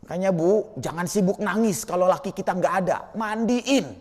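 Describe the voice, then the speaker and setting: A male preacher gives a colloquial sermon, speaking straight to his congregation. His voice sits very high. A long reverb from the mosque hall trails each phrase. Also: normal speed, darkish tone. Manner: colloquial, addresses listeners directly.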